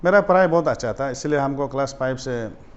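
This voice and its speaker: A student leader from Arunachal Pradesh, India, tells stories from his school days in a casual interview. His mid-range voice moves fairly quickly and gets animated and loud, rising sharply as he retells his confrontations. The audio is slightly dull and lo-fi.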